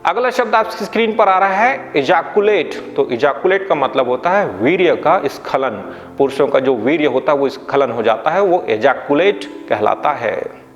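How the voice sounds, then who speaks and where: A man's voice: expressive, normal speed, big-room sound, muffled recording, soft background music. Indian man teaching English words. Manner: announces each word with a raised pitch, then drops low to sum up; spells words out letter by letter and corrects pronunciation. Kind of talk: vocabulary lesson.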